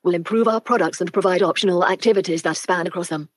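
The on-screen labels and buttons are read aloud fast by a lowish synthetic female screen reader voice played over a Bluetooth speaker. The recording is studio quality, with no room sound.

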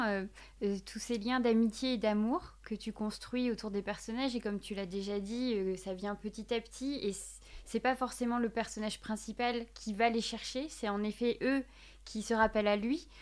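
A woman hosts an interview and builds long, meandering questions. She hesitates often with euhs. Her voice sits at an everyday middle pitch. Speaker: host, interviewer.

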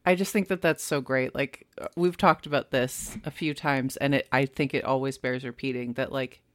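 A podcast co-host from Wisconsin in a casual chat, chatty and quick to laugh. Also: mid-range voice, fairly even intonation, fairly bright tone, no room sound, studio quality.

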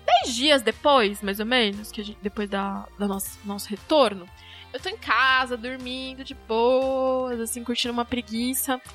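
A Brazilian woman telling a personal story in casual chat, acting out the quoted lines with lively energy. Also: a little high, moderate pace, faint music behind. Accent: Brazilian Portuguese. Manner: animated, acts out quoted dialogue. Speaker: storyteller guest.

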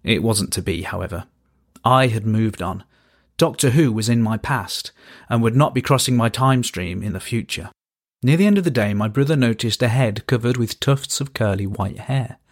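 A man's voice: medium pitch, moderate pace. A man in his thirties from Birmingham, hosting a podcast and reading his own story with dry, wry understatement. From Birmingham, England. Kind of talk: scripted first-person storytelling.

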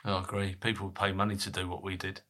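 A man with an Essex accent hosts a conversational interview. His voice sits a little low and has a bright, forceful edge. He sounds middle-aged. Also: flat delivery, quick pace. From Essex, England. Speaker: podcast host, interviewer.

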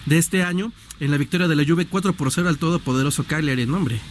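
A Mexican man reading sports news on the radio, brisk with joking asides. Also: on the high side, a little hiss or hum. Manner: brisk newsreading mixed with joking banter. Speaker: sports reporter.

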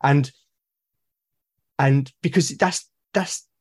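A British man from the United Kingdom, an artist and podcaster, is interviewed as a guest in a casual conversation. His medium-pitched voice is extremely slow, a little mellow, and husky. He speaks hesitantly, often repeating words as he begins a sentence.

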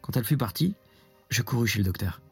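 A man narrating a literary story in a measured way that often drops to a whisper. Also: medium pitch, animated, vocal fry, husky, faint music behind.

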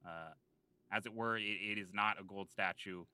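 On an improvised comedy podcast, a man stays in character as an earnest, self-serious local history buff from a small island, rambling through town lore in hesitant, mock-scholarly explanations. His low voice is very bright and crisp, with fairly even intonation and a moderate pace. There's no echo.

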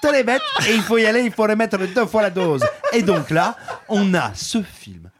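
A man talking casually as a film critic, mocking and lively, often slipping into comic impressions. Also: high voice, normal speed, noisy background. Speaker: film critic podcast host. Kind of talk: casual film review chat.

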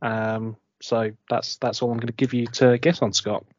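A man's voice: mid-range voice, flat delivery, normal speed, no room sound. Essex-accented man hosting, dry lo-fi sound. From Essex, England. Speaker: podcast host. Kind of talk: casual football panel talk. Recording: dull, lo-fi close recording.

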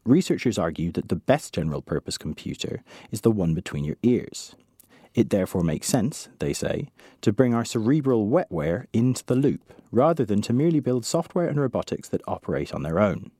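A man hosting a science show in a bright, curious manner, with scripted introductions and interview questions. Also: lowish voice, sing-song, fairly quick, slightly rough, no echo, clean studio sound. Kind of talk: scripted podcast presenting and interviewing.

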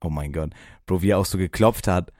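A man's voice: sits low, a little fast, a little mellow, no room sound, clean studio sound. A young man co-hosting a podcast, joking crudely and teasing his friend in casual chat. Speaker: podcast co-host.

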